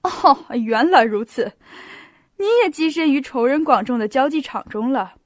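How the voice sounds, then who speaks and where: A woman voicing a bored, aloof young prince who talks in a slow, languid way. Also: high-pitched, no echo, clean studio sound. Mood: weary.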